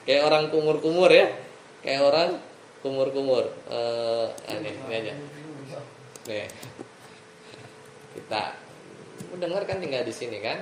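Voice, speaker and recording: A man's voice: medium pitch, measured pace, pauses often. A man, a religious teacher giving a casual classroom lesson, chatty and explaining step by step while asking his students questions. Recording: echoey room with faint ambient noise.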